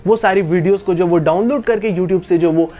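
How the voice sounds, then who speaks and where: A high, mellow male voice talks a little fast, and the highs are cut off. He's a YouTube host in his twenties with an Indian accent, explaining directly to camera in a small room against a wall, wearing a lapel mic.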